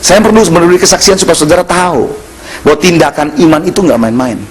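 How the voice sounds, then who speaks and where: A male pastor delivers a sermon at a church service, his voice slightly high and swinging widely as he tells a personal story. He drops into casual slang whenever he quotes friends. A faint hiss sits under the recording. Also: fast talker. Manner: animated storytelling, switches into slangy Jakarta dialogue.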